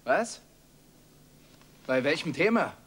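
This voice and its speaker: A man's voice: fairly high pitch, big pitch swings, slow, a bit bright, heavily acted. A surly, hard-drinking young husband in a dubbed film. He grumbles and snaps back defensively at every reproach. There is a faint hum of noise behind him.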